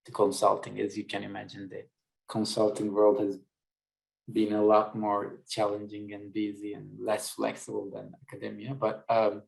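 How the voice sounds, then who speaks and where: A middle-aged man from Turkey talks through his views in a webinar. His voice has a gravelly fry to it, and he thinks aloud with many fillers and restarts. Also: lowish voice, completely flat delivery, normal speed, low-quality recording. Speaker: panelist. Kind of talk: webinar discussion.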